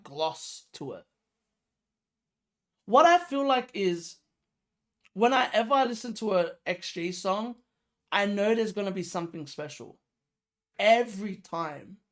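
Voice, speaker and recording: This reaction video host talks about music in an informal, slangy way at a medium pitch. The commentary leans on repeated points and strong emphasis, and rhetorical questions keep popping up.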